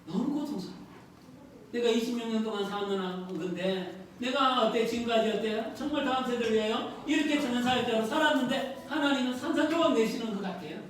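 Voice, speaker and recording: Woman pastor preaching, high voice, big echoey hall, mic kinda far off, some noise. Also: brisk. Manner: earnest, questioning the congregation, laughing at times. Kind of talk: sermon. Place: church sanctuary.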